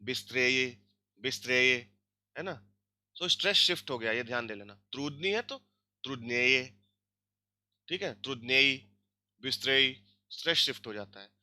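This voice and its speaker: A man's voice: medium pitch, lively intonation, moderate pace, pauses often, sharp tone. A man teaching a grammar lesson, explaining step by step and often checking that listeners follow. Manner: repeats and checks understanding with frequent tag questions. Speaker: language teacher.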